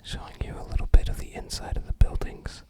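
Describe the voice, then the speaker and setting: Items are shown to the viewer by an ASMR creator who whispers throughout, unhurried and musing, sometimes slightly hesitant.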